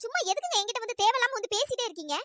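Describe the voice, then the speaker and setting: A squeaky, bright cartoon college girl, rapid-fire scolding, fiery temper, dry close mic. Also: animated, dry recording. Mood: annoyed scolding. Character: fiery young female college student. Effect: pitch-raised voice. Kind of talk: cartoon voice acting.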